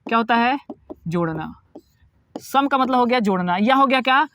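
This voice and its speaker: A man's voice: very high-pitched, expressive, normal speed, fairly bright tone, smooth. A man teaching a lecture, explaining step by step, repeating key words and asking his students questions. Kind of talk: classroom lecture.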